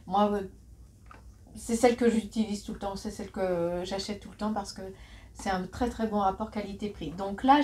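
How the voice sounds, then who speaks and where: A woman in her forties chats through a shopping haul at home, filmed on her phone. She talks in a middle-pitched voice, giggles often and teases herself. Faint background noise sits under her voice. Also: darkish tone. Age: 40s. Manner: chatty, giggly, self-mocking asides. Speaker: vlogger. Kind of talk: casual shopping haul vlog. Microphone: phone camera.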